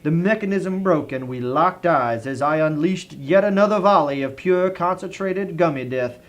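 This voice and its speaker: A man with a Southern US accent narrates in a fairly high voice. His delivery is genteel and theatrical, treating a comic review as a dramatic tale. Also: moderate pace.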